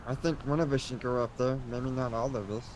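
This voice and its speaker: A man chats casually as a player in a tabletop game. His pitch is average. Faint noise is heard behind him. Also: fairly even intonation, a little fast, a little mellow, poor audio.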